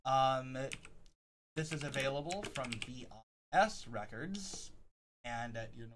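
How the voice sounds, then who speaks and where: A man hosting a casual news rundown, halting often with fillers and restarts. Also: mid-range voice, expressive, fairly bright tone, a little hiss or hum, poor audio. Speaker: podcast host.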